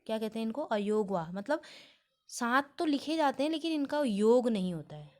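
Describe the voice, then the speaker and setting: A woman's voice: fairly high pitch, very animated, moderate pace. A woman teaching a grammar lesson step by step, often checking that her students are following.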